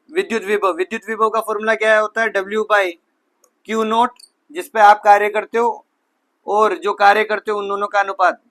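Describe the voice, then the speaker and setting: A man's voice: high voice, a bit bright. A man teaching physics, talking students through each step with rhetorical questions, sometimes correcting himself mid-sentence. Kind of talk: whiteboard physics lecture.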